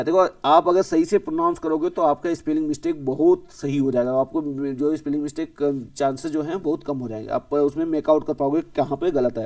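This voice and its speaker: A male teacher drills spelling words one by one and corrects each in the same breath. His voice sits a bit high for a man and is set back from the mic in a dry, dead room. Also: darkish tone, no room sound, recorded from a distance. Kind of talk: exam-prep spelling lesson.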